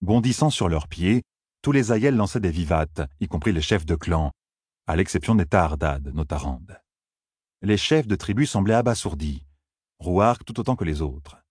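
A man narrating an audiobook in a steady, even reading manner. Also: low voice, moderate pace, breathy edge, dry recording, studio quality.

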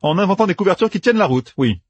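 Brash young schemer, voiced by a man: high, loud, bossy, rattling off orders. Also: animated, no echo. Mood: emphatic. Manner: bossy, emphatic, rapid-fire planning.

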